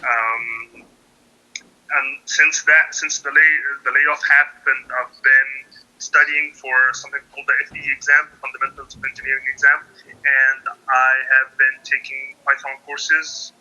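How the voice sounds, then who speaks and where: A man's voice: mid-range voice, level tone, unhurried, sharp tone, highs cut off. A young man from Qatar, a laid-off engineer, talking hesitantly with many fillers and restarts over a call. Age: young adult. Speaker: laid-off engineer seeking career advice.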